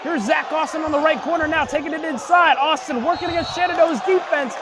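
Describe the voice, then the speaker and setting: Courtside in a basketball arena, a young man calls the game live for radio, his very high voice a little fast, excited, and projected, often rising to shouts. Loud crowd noise, the bounce of the ball, and general gym sounds fill the background.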